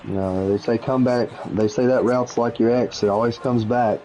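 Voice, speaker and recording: Excitable male play-by-play caller, dark tone. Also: medium pitch, muffled recording. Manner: quick, jokey, rises to shouts on big plays. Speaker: play-by-play commentator. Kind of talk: play-by-play commentary of a video game league.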